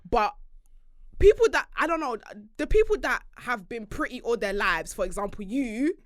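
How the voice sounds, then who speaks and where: A woman's voice: fairly high pitch, expressive, normal speed, dry recording, studio quality. A woman with a London accent chatting casually as a host, full of urban roadman-style slang. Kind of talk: casual chat show banter.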